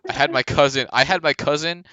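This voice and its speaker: A man's voice: a little high, fairly quick, sharp tone, no echo, muffled recording. A young man co-hosting a casual podcast, rambling through jokey conspiracy theories and stories. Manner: rambling, joking conspiracy storyteller. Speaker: podcast co-host. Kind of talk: casual chat.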